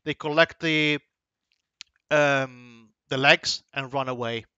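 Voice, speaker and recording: A man with a bright, smooth voice narrates as game master of a tabletop game. He speaks slowly and hesitantly, with many fillers and restarts. The sound is dry, dull and lo-fi. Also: medium pitch, fairly even intonation, dry recording.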